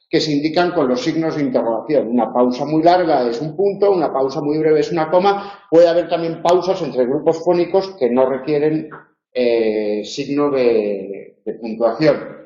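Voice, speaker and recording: Speaking a little high with a warm tone, this man from Spain teaches a university tutorial, laying out explanations one step at a time. He often fixes his own wording and ends points with brief tag questions, captured in a spacious, somewhat flat-sounding classroom.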